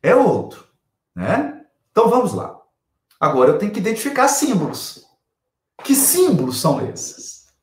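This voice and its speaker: A man's voice: sits high, huge pitch swings, moderate pace, pauses often, echoey room. Emphatic Brazilian man lecturing on scripture. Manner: emphatic, repeats key phrases, asks rhetorical questions. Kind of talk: spiritual lecture.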